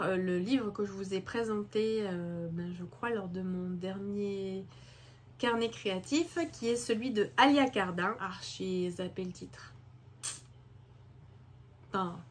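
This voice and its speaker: A woman's voice: medium pitch, a little mellow, a little hiss or hum. A woman chatting casually about knitting and books in a rambling way, full of hesitations. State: hoarse from a head cold. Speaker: craft vlogger. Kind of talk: casual chat. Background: washing machine running.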